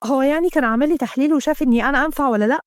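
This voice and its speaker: A woman's voice: high voice, rapid-fire, dry recording, studio quality, close to an everyday voice. A woman voicing a naive, lovestruck young woman with an Egyptian Arabic accent, eager and full of wonder. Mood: hurt.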